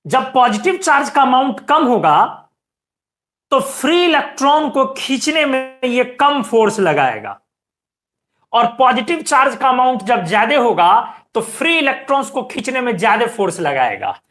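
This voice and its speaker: A woman's voice: high voice, sing-song, normal speed, a bit bright. A woman teaching a chemistry lecture, explaining step by step and often asking her students questions and telling them to pay attention. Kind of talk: classroom lecture.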